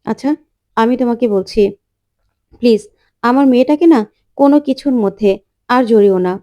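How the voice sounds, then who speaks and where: Woman reading a worried father, firm, appealing, mellow, high. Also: normal speed, natural voice. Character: worried father protecting his daughter.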